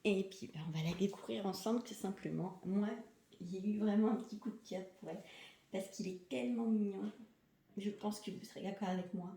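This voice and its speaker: A woman chatting enthusiastically in a casual unboxing vlog, sometimes slipping into a soft half-whisper and moving away from the mic. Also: mid-range voice, a little fast, gravelly, roomy sound, slight background noise. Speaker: crafting vlogger.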